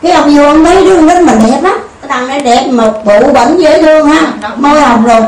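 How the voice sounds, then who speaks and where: Woman, high voice, relaxed folksy storyteller, recorded from afar. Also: fast, slight background noise. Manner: homely and conversational, with frequent restarts. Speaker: storyteller and teacher. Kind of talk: casual spoken teaching with a folk tale. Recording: roomy distant recording with faint ambience.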